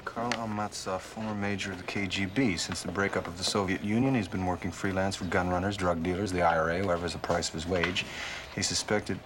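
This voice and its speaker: A man's voice: deep voice, fairly even intonation, a little fast, heavy background noise, lightly acted. A man playing a courteous, formal Mountie. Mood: calm. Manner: formal and unfailingly polite. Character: courteous, earnest male Canadian Mountie. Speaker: polite Mountie in a TV drama. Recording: TV drama audio with music underneath.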